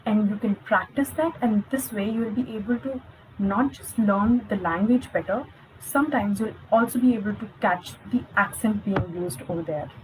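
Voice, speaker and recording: A woman's voice: medium pitch, moderate pace, a little mellow, a little hiss or hum, rough recording. A young woman, giving an encouraging online lesson as a spoken coach, speaking directly to her viewers. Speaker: spoken English skills coach.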